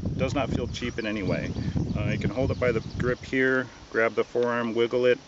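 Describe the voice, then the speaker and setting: A man giving a casual, relaxed product review outdoors, hesitant and full of ums and uhs. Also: medium pitch, fairly quick, muffled recording, heavy background noise. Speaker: gun reviewer.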